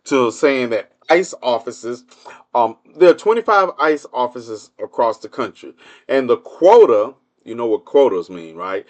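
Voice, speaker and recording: Sarcastic man ranting on a livestream. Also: medium pitch. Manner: sarcastic, rhetorical questions to the audience; hums a tune while waiting. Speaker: livestream host. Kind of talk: casual political commentary monologue.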